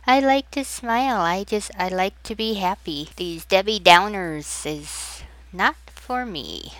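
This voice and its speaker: Upbeat lady podcasting solo, chatty, dry close sound, middle pitch. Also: fairly bright tone, no echo, rough recording. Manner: upbeat, chatty, talks straight to the listener. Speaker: podcast host. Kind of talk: solo podcast talk on positivity.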